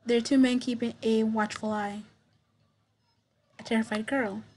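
A young woman streaming a game, reading its dialogue aloud and commenting, stammering and repeating words, with sudden excited bursts. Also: fairly high pitch, normal speed. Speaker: gameplay streamer. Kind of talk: reading visual novel text aloud with commentary.

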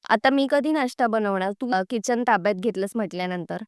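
A woman reading the lines of a haughty, sharp-tongued young wife in a serial recap. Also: mid-range voice, fairly quick, no echo, clean studio sound, natural voice. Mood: snappish. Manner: rude, scolding.

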